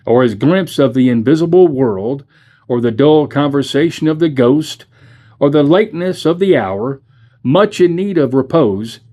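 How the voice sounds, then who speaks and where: Brief: adult man, mid-pitched, reads a classic story aloud, measured and dramatic. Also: darkish tone. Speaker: church reader.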